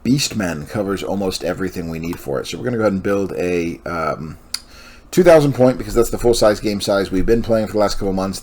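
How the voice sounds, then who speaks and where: A man hosting a casual walkthrough of building a tabletop army list, rambling with many pauses and self-corrections, and sounding tired. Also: low-pitched, darkish tone. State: yawning, tired. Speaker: host.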